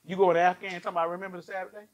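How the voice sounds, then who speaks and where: Man, pastor, high voice, animated sermon, rhetorical questions. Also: very fast, highs cut off. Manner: animated, asks the congregation many rhetorical questions. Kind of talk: lively sermon. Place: church.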